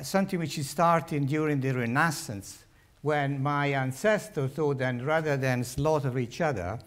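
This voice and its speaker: An older Italian man, a heart surgeon, stands at a lectern in a large lecture hall giving a public lecture picked up by the lectern microphone. His mid-range voice carries animated, wry stories and humorous asides, sprinkled with frequent "uh" fillers.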